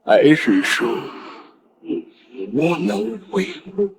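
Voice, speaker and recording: Gloating demon-lord villain, wildly swooping. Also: male voice, sits high, very animated, drawn-out words, vocal fry, husky, full character voice. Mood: gloating fury. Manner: menacing, mocking, theatrical swings from hiss to roar. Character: gloating, raging male demon-lord villain, half-step heavenly demon. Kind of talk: Chinese fantasy short-drama acting.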